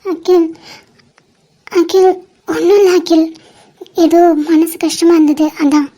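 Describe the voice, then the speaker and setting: A woman voicing a lovesick young woman in an animated cartoon, speaking in a worried, hesitant way. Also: very high voice, takes it slowly, heavily acted. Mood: upset. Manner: worried, hesitant, tearful pleading.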